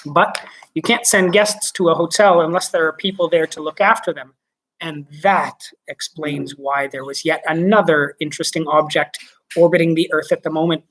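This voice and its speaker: A man's voice: a little high, steady tone, moderate pace, fairly bright tone, low-quality recording. A teacher reading a children's book aloud, stopping for chatty asides that explain words to his students.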